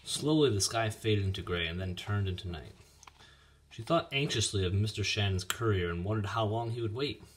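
A man reading a children's chapter book aloud in an expressive, lively manner. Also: lowish voice, moderate pace. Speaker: reader. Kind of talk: storybook read-aloud.

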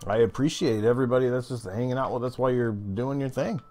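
A man streaming a video game live, chatting with viewers and reacting loudly to the action. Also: mid-range voice, steady tone, fast talker, faint music behind. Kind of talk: live gameplay commentary.

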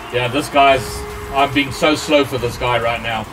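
A gaming streamer comments on his own gameplay during a live stream, his medium-pitched voice run through a voice changer. Between plays he chats with viewers, and he swears when things go wrong. The mic is distant and the recording quality is low.

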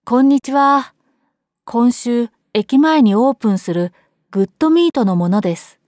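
Woman voicing a cheerful young salesman, raised pitch. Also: darkish tone, dry recording, clean studio sound, lightly acted. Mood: cheerful, polite. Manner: brisk, polite sales patter. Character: cheerful, polite young male butcher's salesman. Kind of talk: acted storytelling.

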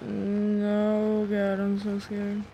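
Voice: mid-range voice, monotone, very slow, dark tone, highs cut off. A gaming host giving casual, jumpy reaction commentary on a horror game, repeating phrases when startled. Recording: clear game noise behind voice.

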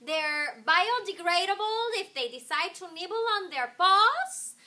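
A woman's voice: extremely high pitch, big pitch swings, a little slow, bright, forceful tone, exaggerated voice. A young woman playing a gushing, flamboyant infomercial saleswoman, giving an exaggerated hard sell with words mixed in. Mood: excitable sales pitch. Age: young adult. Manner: gushing, exaggerated, drawn out, mixing in Spanish words. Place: classroom with whiteboard.

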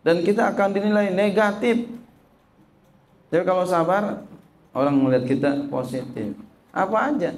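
A man's voice: high-pitched, moderate pace, long pauses, a little hiss or hum. A man teaching a religious text as a sermon, repeating his points and asking the audience questions he answers himself, reading Arabic and translating it. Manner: lively, repetitive, asks the audience and answers himself; reads Arabic phrases then translates them. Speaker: Islamic teacher.

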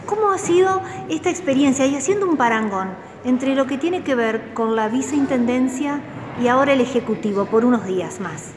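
A woman news reporter with an Argentine Spanish accent, asking brisk interview questions on location. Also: high-pitched, animated. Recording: echoey hall with crowd chatter.

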